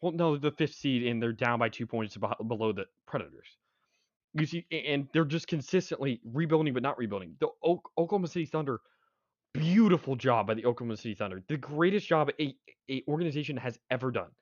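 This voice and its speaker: A man's voice: medium pitch, expressive, quick pace, no room sound. A young man co-hosting a casual sports chat. He rambles and restarts his sentences, pushing his opinions hard. The recording is dry and slightly muffled. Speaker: sports podcast co-host. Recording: dry, dull lo-fi sound.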